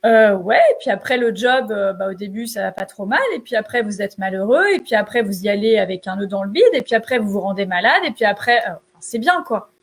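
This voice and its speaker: A woman's voice: medium pitch, quick pace, few pauses. A woman entrepreneur co-hosting a show, giving casual motivational advice in an emphatic, colloquial way.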